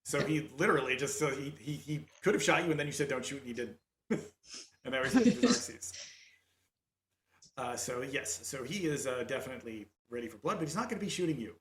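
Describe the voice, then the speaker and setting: Male game master, mid-pitched, halting delivery with restarts, echoey room. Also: expressive, fairly bright tone, slight background noise. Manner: halting, full of fillers and restarts. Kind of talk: running a tabletop game over voice chat.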